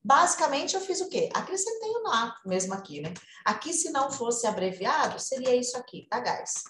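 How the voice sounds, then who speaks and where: A woman teacher talks her way through an informal online lesson, with a lively, chatty manner and a voice a little higher than most. She moves easily between explanations and spoken examples. The room gives her voice a noticeable echo. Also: normal speed, a little hiss or hum. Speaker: English teacher.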